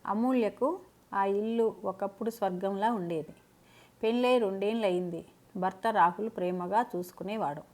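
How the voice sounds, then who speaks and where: A woman narrating a scripted family drama in a steady, dramatic storytelling manner. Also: mid-range voice, moderate pace.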